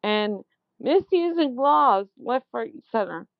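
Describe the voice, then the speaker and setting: A woman leaving a long complaint voicemail, speaking in an accusatory, emphatic and halting way, repeating words for stress. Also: fairly high pitch, animated, gravelly, dry recording. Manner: slow, deliberate, halting phrasing. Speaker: caller. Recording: dull lo-fi voicemail phone recording.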